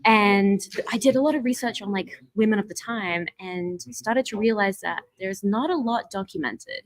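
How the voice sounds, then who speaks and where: A woman's voice: mid-range voice, normal speed, poor audio. Chatty Australian woman filmmaker. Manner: chatty, lots of fillers and laughs. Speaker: filmmaker and voiceover actor. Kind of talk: casual interview.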